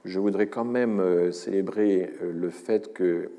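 A man's voice: low-pitched, fairly even intonation, unhurried, mellow, big-room sound. A man giving a university lecture, hesitant, with many fillers, restarts and wry asides. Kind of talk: academic lecture.

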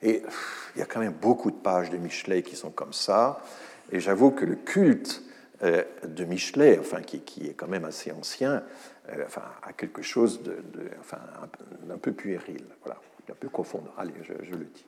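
A man's voice: sits low, animated, moderate pace, vocal fry, darkish tone, long reverb tail. A man giving a university lecture, hesitant, with many fillers, restarts and wry asides. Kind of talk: academic lecture.

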